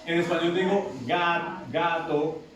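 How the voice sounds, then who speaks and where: A man's voice: a little high, steady tone, slow pace, recorded from a distance, a crowd in the background. A man teaching an English pronunciation lesson to a class, repeating himself and often checking whether the students follow. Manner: repetitive, asks students checking questions. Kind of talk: classroom lecture. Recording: very echoey classroom from afar, noisy.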